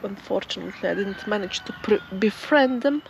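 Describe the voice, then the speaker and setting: A woman vlogging outdoors in her garden, chatting in a relaxed, rambling and self-deprecating way. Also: mid-range voice, a little fast, creaky, background noise. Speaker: nature vlogger.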